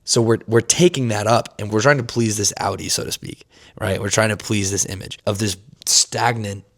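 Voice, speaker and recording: A young man vlogging about emotional growth, talking fast and earnestly in rambling, repeated phrases, caffeinated and fasting. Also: lowish voice, steady tone. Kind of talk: unscripted talk to camera.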